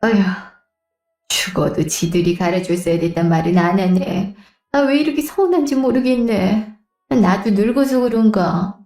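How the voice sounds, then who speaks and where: A woman's voice: mid-range voice, animated, normal speed, a little mellow, dry recording, clean studio sound, faint music behind, close to an everyday voice. A woman voicing a retired mother in her sixties, sighing and muttering complaints to herself in a radio drama. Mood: hurt. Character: retired older mother, hurt and proud.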